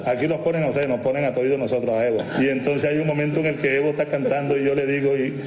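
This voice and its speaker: A man voicing a chatty, boastful male president caricature, telling stories loudly and rapidly. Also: medium pitch, fairly even intonation, slight background noise, lightly acted. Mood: bragging. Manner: rapid loud storytelling. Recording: dull echoey clip audio.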